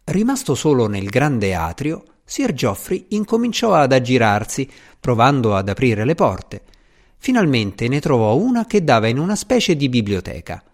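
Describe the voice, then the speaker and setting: A man narrating a novel in a measured storytelling delivery. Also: medium pitch, big pitch swings. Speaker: audiobook narrator. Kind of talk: scripted narration.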